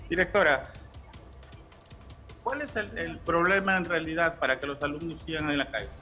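A man's voice: a little high, moderate pace, bright, forceful tone, soft background music. A middle-aged man reporting live from a street, explaining urgently into a handheld microphone. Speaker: field reporter. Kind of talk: live news field report. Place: outdoors on a street.

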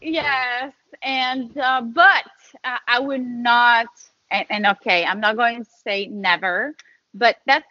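A woman from Canada talks as a pilot guest in a loose, rambling way, full of fillers and restarts. Her voice is forceful and bright. The recording is dry and slightly dull, with a lo-fi edge. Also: a little high, fairly even intonation, slow pace, dry recording. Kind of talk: casual podcast chat. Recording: dull lo-fi audio.

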